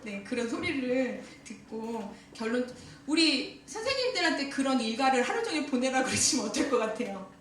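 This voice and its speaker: High-voiced woman in an echoey hall. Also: moderate pace, recorded from a distance, a little hiss or hum. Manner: lively, questions the audience and laughs often. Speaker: speaker at a church teachers' seminar. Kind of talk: interactive seminar talk. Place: church hall.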